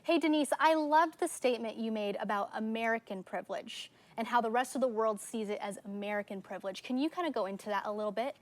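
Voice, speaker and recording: Upbeat high-voiced woman host. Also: quick pace, hardly any pauses. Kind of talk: hosting a panel discussion.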